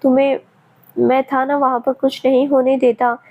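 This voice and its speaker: A woman voicing a teasing, protective young man in a storybook reading, her high voice flat and steady, on a tinny, phone-like recording. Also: moderate pace.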